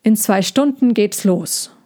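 Lady doing a gruff circus boss man, loud and blustery, slow heavy storybook lines. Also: mid-range voice, lightly acted. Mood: shaken.

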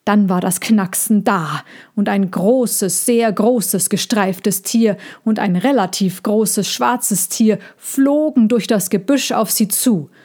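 Woman narrator, storybook reading, slow and hushed, mellow tone. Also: medium pitch.

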